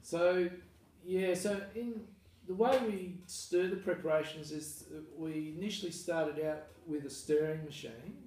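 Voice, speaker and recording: A man's voice: on the high side, unhurried. Rambling Australian man, echoey room. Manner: relaxed, rambling, self-deprecating. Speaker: farmer. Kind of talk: casual interview. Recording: echoey room, mic far off, faint noise.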